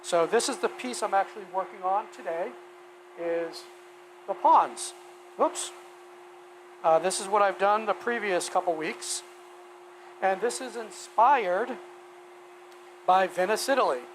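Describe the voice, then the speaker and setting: A hobby woodworker chats casually on a live stream from a home workshop, rambling and thinking aloud in a folksy way while working. The voice is mid-range and unhurried, with long pauses, and a shop vacuum runs steadily behind it.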